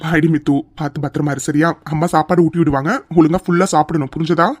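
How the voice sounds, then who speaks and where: A man's voice: a little high, steady tone, fast, lightly acted. A man voicing a strict but teasing young husband in a cartoon. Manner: teasing, bossy. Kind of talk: cartoon voice acting.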